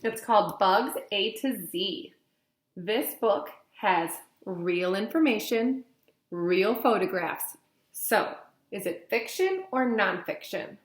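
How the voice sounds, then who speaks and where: A teacher in her thirties leads a read-along lesson for young children, reading aloud in a medium-pitched, animated, slow voice. She explains things simply, asks listeners frequent simple questions and stresses key words and letter names. She's in a small indoor room with plain walls, and the webcam audio is roomy and echoey.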